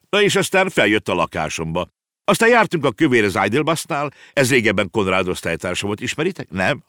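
A man's voice: fairly low pitch, fairly bright tone, no echo, clean studio sound. A man voicing a jovial, eccentric middle-aged uncle who is a pharmacist, boisterous and teasing in a storybook reading.

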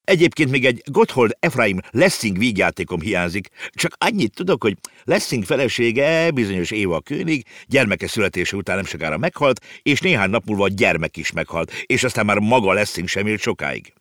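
A man's voice: lowish voice, big pitch swings, hardly any pauses, fairly bright tone, no room sound, clean studio sound, voice pushed up. A man voicing a kindly old uncle, a pharmacist, with a mildly ironic, good-natured manner. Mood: wry.

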